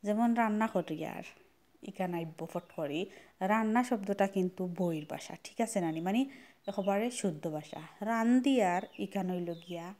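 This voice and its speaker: A woman's voice: lowish voice, moderate pace, a little mellow. Woman with a Sylheti accent. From Sylhet, Bangladesh. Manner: mixes regional dialect with standard speech. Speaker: vlogger. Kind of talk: casual chat to camera.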